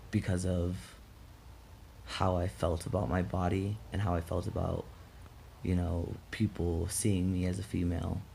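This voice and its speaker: A young man with a low, gravelly voice speaks candidly to his vlog audience. He is reflective and halting, choosing words as he goes. Faint outdoor ambience sits behind his mellow tone. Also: slight background noise. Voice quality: gravelly, throat-clearing. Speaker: vlog host. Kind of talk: casual personal vlog. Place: outdoors in chilly morning air.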